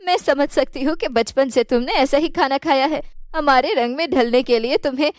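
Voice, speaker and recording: A stern older mother-in-law in a cartoon, scolding her daughter-in-law dramatically, as a woman narrator puts her on. The voice sits lower than the narration but stays quite high. The sound is close and dry. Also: moderate pace, dry recording, close to an everyday voice. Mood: relenting.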